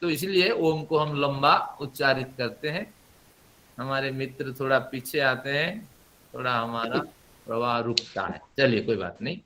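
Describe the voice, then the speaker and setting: A man's voice: medium pitch, unhurried, sharp tone, slight background noise. A middle-aged man teaching Sanskrit pronunciation for Vedic chanting, explaining step by step and demonstrating long vowels. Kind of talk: spoken Sanskrit pronunciation lesson.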